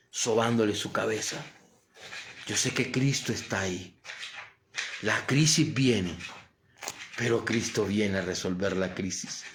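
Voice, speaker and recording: A man's voice: lowish voice, slight background noise. A male pastor preaching a sermon, with a Colombian Spanish accent, building emphatic swells and posing questions he answers himself. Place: church.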